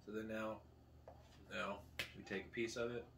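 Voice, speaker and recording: A man's voice: fairly low pitch, level tone, normal speed, creaky. A man in his thirties hosting a homemade food challenge video, chatting casually as he tastes. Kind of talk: casual chat while tasting food. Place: small living room at a table, indoors. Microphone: camera a couple of metres away. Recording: faint room noise, distant camera mic.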